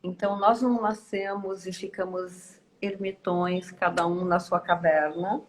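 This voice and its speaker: A woman, hosting a reflective live online talk in a slow, musing way with many hesitations and tag questions. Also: fairly low pitch, fairly even intonation, slight background noise, low-quality recording. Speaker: host.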